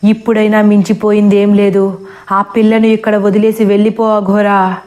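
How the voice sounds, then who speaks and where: A woman's voice: medium pitch, little pitch movement, moderate pace, a little mellow, lightly acted. A woman voicing a vengeful female forest spirit who taunts and threatens in a storybook horror tale. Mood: taunting.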